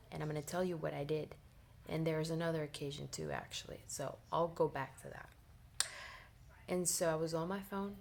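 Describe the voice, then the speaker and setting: A young woman in her twenties telling a personal story in a casual, rambling way, often dropping into a whisper and filling gaps with "you know". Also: vocal fry. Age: 20s. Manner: animated, rambling, frequent fillers like "you know"; drops often into a low whisper. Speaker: vlogger.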